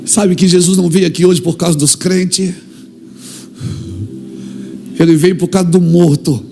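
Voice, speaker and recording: A male preacher with a Brazilian Portuguese accent delivers a fervent sermon in a high, gravelly voice. He acts out small dialogues and rises to shouts, with soft music playing underneath. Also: fairly even intonation, unhurried. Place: church.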